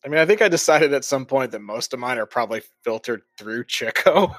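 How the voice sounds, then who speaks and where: A man's voice: mid-range voice, lively intonation, a little fast, a bit bright, no room sound, clean studio sound. A man co-hosting a podcast, chatting casually and laughing at himself. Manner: chatty, self-deprecating, laughs often. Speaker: podcast co-host.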